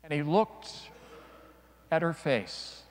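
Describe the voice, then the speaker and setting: An animated middle-aged male priest delivers a homily to a congregation in a slightly high voice, speaking very slowly and deliberately with pauses for dramatic effect. His words echo with the long reverb of a large church.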